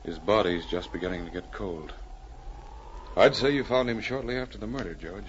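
An actor playing a steady, authoritative Mountie sergeant in an old-time radio drama. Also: male voice, lowish voice, moderate pace, natural voice. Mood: grave, businesslike. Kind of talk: 1940s radio acting. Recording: muffled, faintly noisy old radio recording.

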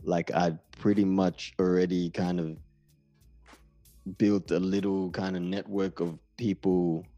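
A deep-voiced Namibian man in his thirties, talking loosely and unhurried as he rambles through his stories. His tone is dark and mellow, and the recording is dry with faint music behind him. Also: flat delivery, dry recording, lo-fi sound. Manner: laid-back, rambling storyteller. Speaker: guest. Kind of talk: casual conversation.

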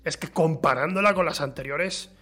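A man hosting a casual film chat, relaxed and explanatory as he steers the conversation. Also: a little high, normal speed. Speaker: host.

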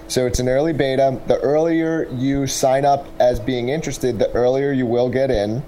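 A man giving casual, explanatory interview answers as a tech startup representative, pausing to pick his words. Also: mid-range voice, warm tone, slight background noise, low-quality recording.

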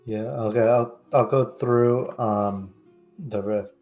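Laid-back, low-voiced man with a stoner drawl. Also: fairly even intonation, slow pace, darkish tone. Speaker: tabletop game player. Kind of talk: casual in-character game chat. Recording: music playing behind.

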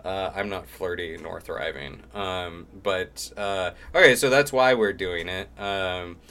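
A middle-aged man hosts a podcast, chatting casually in a rambling, self-deprecating way. His voice is low and slow, with a pushed, bright quality.

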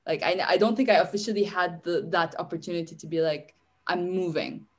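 In a lowish voice and at a slightly fast clip, a young woman from Syria rambles through a relaxed interview as the guest. Her talk is chatty, peppered with "like," and full of restarts.

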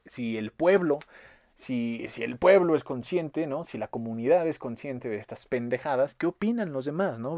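A man's voice: mid-range voice, a little mellow, no room sound. Young mexican guy ranting, swears a lot, jokey and mocking, dry close sound. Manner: profane, joking, mocking. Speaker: commentator. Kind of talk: casual rant.

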